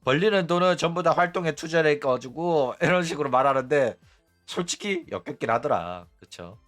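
Male host, mocking blunt commentary, lively high delivery, quiet music bed. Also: fairly quick. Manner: blunt and mocking, keeps tagging "right?". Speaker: VTuber news channel host. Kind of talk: ranting commentary.

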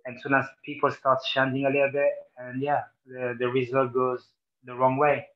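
A man's voice: mid-range voice, moderate pace, dull audio. A man from Senegal, a former footballer, talking casually in an interview and leaning on "literally" and "you know". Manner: animated when quoting, repeats "literally" and "you know".

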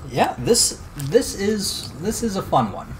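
A man's voice: sits high, big pitch swings, slow, a little hiss or hum. A man co-hosting a let's play, chatting earnestly about the games he loves, with dry quips. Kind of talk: casual gaming commentary.

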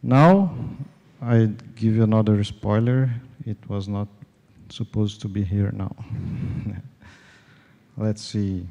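A young man with a Brazilian Portuguese accent presents at a tech conference, speaking English slowly. His tone is mellow and he keeps stopping to restart sentences with plenty of "uh". The sound carries a long reverb from a large hall. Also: on the low side, muffled recording. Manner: halting, many fillers and restarts. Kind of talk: tech conference talk with live demo.

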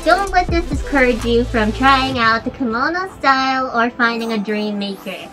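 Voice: medium pitch, animated, normal speed. A vlogger talking through a costume head, giving earnest, encouraging advice to viewers. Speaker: fursuit vlogger. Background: background music.

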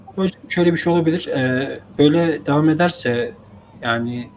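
A man's voice: a little high, a little hiss or hum. A man co-commentating a match, talking hesitantly with fillers and polite address to his partner. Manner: hesitant, fills pauses, polite to co-host. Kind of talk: casual commentary chat.

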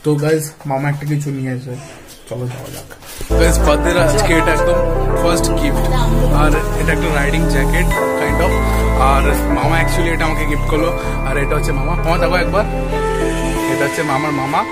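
A man's voice: a little high, fairly even intonation, moderate pace, over loud music. A man, vlogging casually at a family home and addressing his viewers as guys, with English words mixed into his talk. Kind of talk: casual vlog narration to viewers. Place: family home and shop, indoors.

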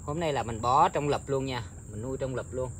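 A man talking casually to his viewers outdoors, rambling with many filler pauses. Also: mid-range voice, a little hiss or hum. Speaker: bird-trapping vlogger. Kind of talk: casual outdoor vlog narration. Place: outdoors in countryside.

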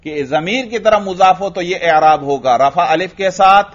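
Speaking in a fairly high voice with a Pakistani Urdu accent, a man gives a grammar lecture, quizzing his class with questions he answers himself and slowly reciting Arabic examples. The recording quality is dull and lo-fi.

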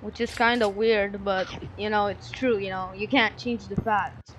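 A woman giving excitable, rambling gameplay commentary into a broken microphone, repeating hype shouts. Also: mid-range voice, moderate pace, dull audio, slight background noise. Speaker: gamer streamer.

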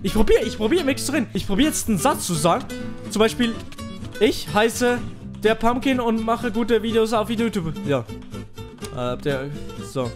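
A man giving casual let's-play commentary as a YouTube gamer, halting and restarting his words, excitable and yelling as he plays. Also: sits high, over music. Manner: halting, stumbling over words, restarting often; excitable, shouting and laughing while playing. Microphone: headset.

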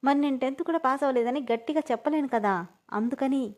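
A chatty young woman in a spoken storybook, teasing and lively, her voice sitting fairly high and often jumping higher still. A woman narrator puts her on with little change from her own reading voice. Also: fast, natural voice. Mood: playful.

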